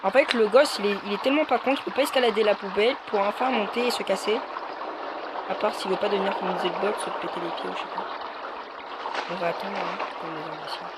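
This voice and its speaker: Jumpy man yelling over game play, loud noise. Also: sits high, steady tone, fast. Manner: jittery, frightened, yelps and mutters to himself. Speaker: gaming youtuber. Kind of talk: let's play commentary. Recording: loud background noise and hiss.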